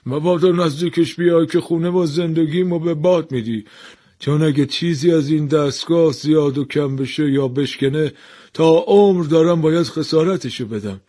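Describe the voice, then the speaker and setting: Man voicing a panicky workshop repairman, high strained voice, pleading, shrill cries, radio storytelling. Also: mellow, natural voice. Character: frantic middle-aged male repairman, nervous and pleading.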